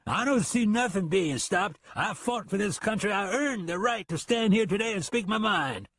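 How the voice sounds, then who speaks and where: A man voicing a burly, drunken former army sergeant who shouts and blusters, in an audiobook reading. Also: high voice, lively intonation, normal speed, no room sound, studio quality, pitched above the performer's own voice, exaggerated voice. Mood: drunken, angry.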